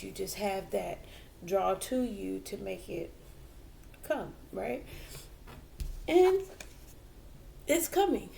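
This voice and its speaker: A woman giving a tarot reading to viewers, slow and reflective, with many fillers and restarts. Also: medium pitch, gravelly, a little mellow, a little hiss or hum. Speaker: tarot reader.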